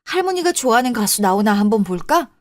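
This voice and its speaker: A woman voicing a calm teenage son who soothes his family in a radio drama. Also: on the high side, quick pace, dry recording. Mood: coaxing. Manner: soothing, coaxing. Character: teenage son, gentle and reasonable. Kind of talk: Korean radio drama acting.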